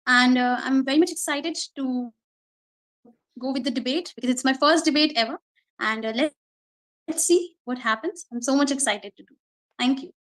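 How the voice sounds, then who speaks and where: A woman from India, introducing herself as a first-time debate delegate in an excited, slightly halting way on a video call. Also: high-pitched.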